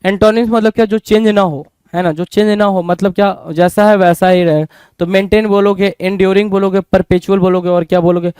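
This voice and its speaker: A man's voice: high-pitched, fairly even intonation, brisk, a little mellow, smooth, no echo. An Indian man teaching an exam-prep vocabulary lesson, asking questions and answering them himself, repeating each word as a drill. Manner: repetitive, drilling.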